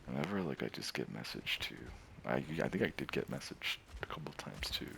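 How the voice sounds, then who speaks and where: A man with a very deep voice and a gravelly fry chats loosely to his viewers, piling up fillers and laughing as he goes. His delivery swings up and down in pitch, and the tone stays bright even when he drops into soft, near-whispered asides. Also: a little fast, a little hiss or hum. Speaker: streamer and gamer. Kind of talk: casual rambling monologue.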